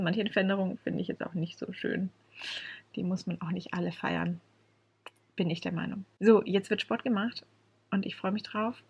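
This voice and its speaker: A woman speaks casually to camera in a personal vlog, thinking aloud and often filling her pauses. Her voice is husky with a gravelly edge. The recording sounds a little dull and lo-fi. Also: mid-range voice. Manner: chatty and reflective, with frequent hesitation fillers. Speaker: vlogger.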